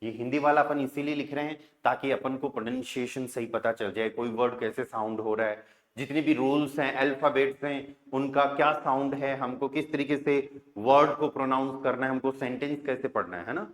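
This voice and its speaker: A Hindi-speaking man teaching German pronunciation rules in a classroom lesson, spelling words letter by letter, sounding them out slowly and often asking "right?" and "okay?". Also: mid-range voice, fairly even intonation.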